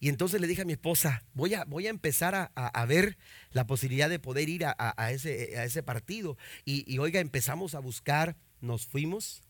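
Pastor, male, high bright voice, fervent sermon delivery with chatty restarts, dry close recording. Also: lively intonation, moderate pace, no room sound. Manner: preaching with rising fervor, many fillers and restarts.

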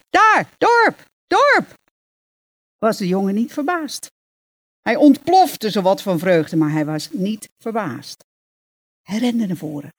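A woman reading a passage from a novel aloud, measured and expressive. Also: medium pitch, husky. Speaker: reader.

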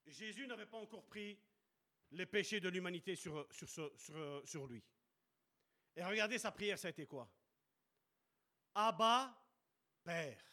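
A man's voice: high-pitched, normal speed, sharp tone. A man preaching a sermon at a church service, emphatic and repeating short commands.

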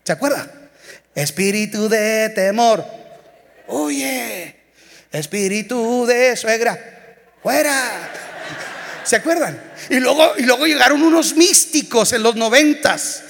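A man's voice: extremely high pitch, lively intonation, takes it slowly, creaky, pauses often, a bit bright. A man with a Mexican Spanish accent, an evangelist preaching a humorous, storytelling sermon. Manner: storytelling, humorous, singing snippets. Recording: long church hall reverb.

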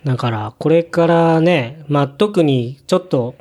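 A man's voice: on the high side, a little slow, darkish tone. A man who runs tours, talking frankly in casual conversation, leaning on repeated words for emphasis. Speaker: tour operator.

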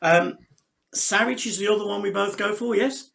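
A man co-hosting a sports podcast, leading the talk and telling lively anecdotes. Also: high voice, moderate pace, vocal fry. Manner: animated anecdote teller, leads the discussion. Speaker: podcast co-host. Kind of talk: casual sports chat.

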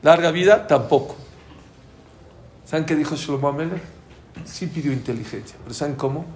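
A man teaching a Talmud class to a live audience, lively and quizzing listeners with questions. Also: on the high side, normal speed, a little hiss or hum. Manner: animated, asks the audience questions. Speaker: Torah teacher. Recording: roomy room with faint ambience.

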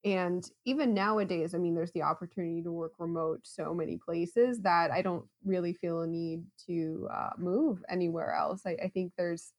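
A woman's voice: lowish voice, fairly even intonation, normal speed, hardly any pauses, darkish tone. A woman, a guest chatting in a casual podcast interview, friendly and laughing often. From Ohio, USA. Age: 30s.

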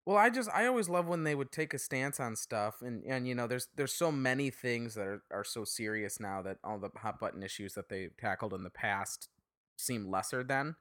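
A man co-hosting a casual podcast, easygoing and quick to poke fun at himself. His voice is bright and forceful, and it is recorded dry and close, with no room sound. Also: medium pitch, animated, no echo. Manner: self-deprecating, easygoing. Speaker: podcast co-host. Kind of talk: casual review chat.

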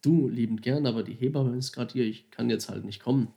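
A man casually and excitedly retelling how he caught a huge fish, slangy and animated, acting out his own thoughts and phone calls. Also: mid-range voice, a little fast, gravelly. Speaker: angler telling a fishing story. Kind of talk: casual storytelling.

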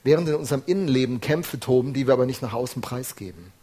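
A man's voice: mid-range voice, fast, dark tone, slightly rough. A male preacher giving an earnest, emphatic sermon full of rhetorical questions.

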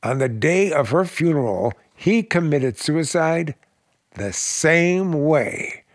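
An actor playing a plain-spoken, practical real estate agent in a 1940s radio drama. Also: male voice, fairly high pitch, expressive, slow pace, dry recording, clean studio sound. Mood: matter-of-fact. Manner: matter-of-fact, emphatic storyteller.

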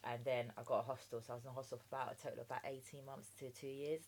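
A Jamaican-born woman in her thirties with a London accent is a guest entrepreneur on a casual podcast interview, talking through her experience. Her low, deep, darkish voice races along with a flat delivery, chatty and frank, and she keeps asking "do you know what I mean." There is a little hiss or hum in the audio.

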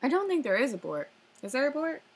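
A woman's voice: high voice, big pitch swings, fast, breathy edge. A young woman co-hosting a casual chat, teasing her friend and giggling.

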